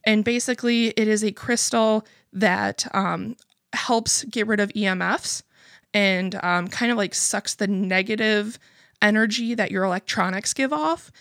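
A woman's voice: mid-range voice, measured pace, fairly bright tone, dry recording, clean studio sound. A young adult woman hosting a podcast, telling a story in a rambling casual chat full of swearing and laughs. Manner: profane, rambling, laughs often. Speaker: podcast host.

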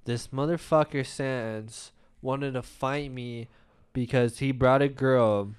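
A young man telling a story in casual chat with friends, animated and full of swearing. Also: mid-range voice, takes it slowly, smooth. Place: home basement.

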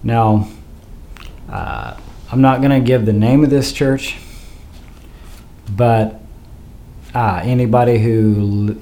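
A man with a mid-range, warm, creaky voice hosts a faith podcast, speaking slowly in a casual, hesitant monologue full of "uh" fillers and frequent pauses. He's from Idaho, USA, and sounds like he has a cold and is losing his voice. Faint wind noise can be heard behind him.

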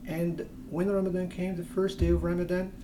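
With background noise behind him, a young Berber-speaking man from Morocco gives a conversational interview in English. His voice sits high with little pitch movement and a brisk pace, though he hesitates, uses many fillers and often restarts.

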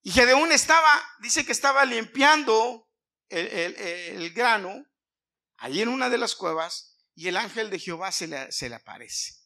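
A pastor preaching with a high, ringing voice. He is a man who climbs to emphatic peaks, then drops into hushed asides. He asks the congregation questions as he goes. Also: big pitch swings, normal speed. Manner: asks the congregation questions, sings snatches of a hymn. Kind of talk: sermon.

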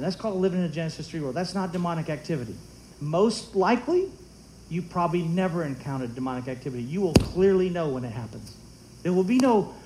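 High-voiced man preaching with animated humor. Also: a little hiss or hum, low-quality recording. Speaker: pastor. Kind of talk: sermon. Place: church sanctuary.

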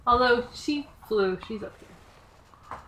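A soft-spoken woman chatting casually as a player in a tabletop game. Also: a little high, takes it slowly, a little hiss or hum, rough recording.

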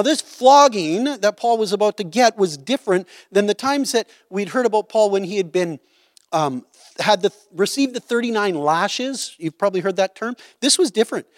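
Recorded cleanly in a studio with no room sound, a high-voiced man teaches a Bible study. He talks through a passage casually, often pausing to ask "right?"

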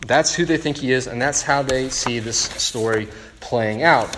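Guy preaching slow and easy, lots of "right?", big church echo. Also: mid-range voice, noisy background. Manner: conversational preaching with rhetorical "right?". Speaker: pastor. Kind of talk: sermon. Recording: long hall reverb.

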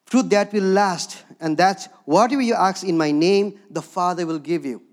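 A man with a higher voice and a Himalayan accent preaches at a moderate pace, weaving personal stories into his sermon. He's from Darjeeling, India, with a Bhutanese background, and keeps a conversational tone, often checking in with listeners by asking "okay?"

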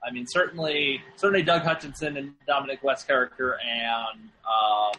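A man's voice: medium pitch, steady tone, normal speed, sharp tone, a little hiss or hum, low-quality recording. A man co-hosting a casual film podcast, rambling and joking with lots of fillers and restarts. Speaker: podcast co-host.

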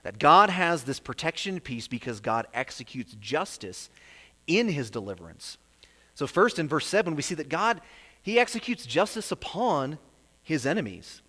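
A man's voice: sing-song, moderate pace. Earnest male preacher in a reverberant hall. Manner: earnest, builds emphasis then drops to a soft low close. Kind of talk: sermon.

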